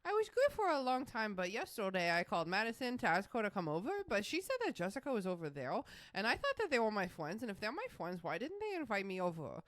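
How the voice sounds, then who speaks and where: A woman's voice: mid-range voice, huge pitch swings, fast talker, hardly any pauses, a bit bright, dry recording. A woman voicing a breathless, chatty eight-year-old girl in a put-on baby voice. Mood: whiny. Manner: run-on childish baby voice.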